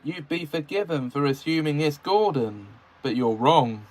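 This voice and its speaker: Storybook narrator, man, slow and steady, voice sits a bit high. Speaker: fan fiction reader. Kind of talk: storybook read-aloud.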